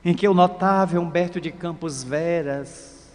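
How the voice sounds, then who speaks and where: A man giving a dramatic, storytelling spiritist sermon in a lecture hall, swinging between loud and hushed. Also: a little high, unhurried. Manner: dramatic, with big swings in loudness. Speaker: spiritist speaker. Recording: long reverb of a lecture hall.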